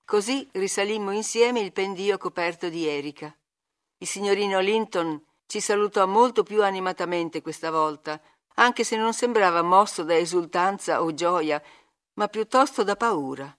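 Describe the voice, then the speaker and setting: In a medium-pitched voice, a female audiobook narrator reads a classic novel aloud, keeping her delivery measured yet expressive.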